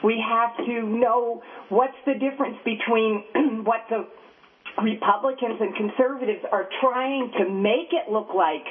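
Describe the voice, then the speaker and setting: Brief: earnest woman caller, tin-can tinny phone line, voice set a touch high. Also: unhurried. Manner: earnest, clears her throat now and then. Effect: tinny sound, like talking from inside a tin can. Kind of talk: phone call-in to a talk show.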